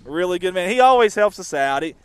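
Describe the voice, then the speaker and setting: A man doing chatty, rambling live softball commentary outdoors. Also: high voice, animated, fairly quick. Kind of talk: casual live sports commentary. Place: outdoor softball field on a windy day.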